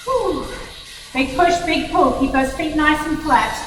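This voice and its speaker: A woman's voice: high-pitched, unhurried, slight background noise. A woman in her thirties coaching a spin class while cycling hard, out of breath, calling out commands and countdowns with effort. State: out of breath from exertion. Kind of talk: motivational fitness class coaching while riding. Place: indoor gym spin studio, far camera. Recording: echoey gym studio from far off, loud music. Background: workout music.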